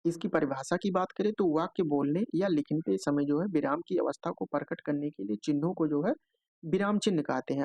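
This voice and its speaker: A man's voice: fairly high pitch, a little mellow, dry recording, lo-fi sound. A man teaching an exam-prep lesson, explaining step by step, often filling with a stock phrase and checking in with "okay" between points. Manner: explanatory, repeats filler "jo hai" often.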